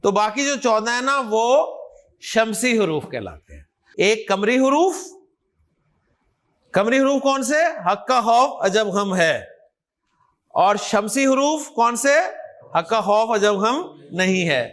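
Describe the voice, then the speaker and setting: High-voiced man teaching a class slowly. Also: sing-song, fairly bright tone. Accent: Urdu. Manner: quizzing, call-and-response, coaxing students. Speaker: Quran grammar teacher. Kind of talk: classroom lecture with questions to students.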